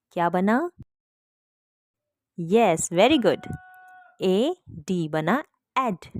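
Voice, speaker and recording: A woman's voice: medium pitch, a little mellow, no room sound, studio quality. A woman teacher, giving a phonics lesson to children, sounding out letters patiently and asking them to repeat after her.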